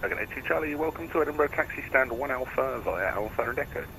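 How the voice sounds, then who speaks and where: A man's voice: medium pitch, animated, fast talker, vocal fry, sharp tone, rough recording. A man working as an air traffic controller, giving procedural instructions over the radio. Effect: radio transmission. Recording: radio transmission with faint noise.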